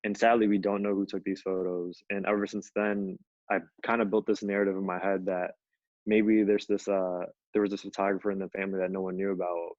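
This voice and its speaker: A young Ethiopian man, a featured artist, tells his story casually over a video call, using many fillers like "you know." His low voice is brisk, flat and darkish, and the lo-fi audio has no echo.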